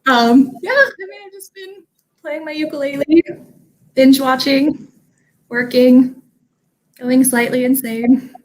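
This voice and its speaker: A woman musical theater performer, chatting as a guest in a relaxed, easygoing way. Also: sits high, slow pace, long pauses, poor audio. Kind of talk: casual chat.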